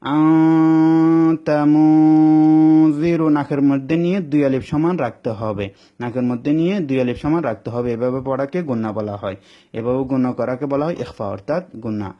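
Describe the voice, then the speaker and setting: A man teaching Quran reading. He spells out letters step by step, repeats himself patiently and answers his own questions. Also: mid-range voice. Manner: stretches words into slow sung recitation. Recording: dull lo-fi recording.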